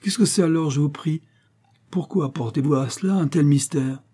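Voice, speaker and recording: A man reading aloud voices a vain, pompous middle-aged widow who scolds her niece haughtily, with sudden rises in pitch. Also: normal speed, mellow, slightly rough. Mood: haughty.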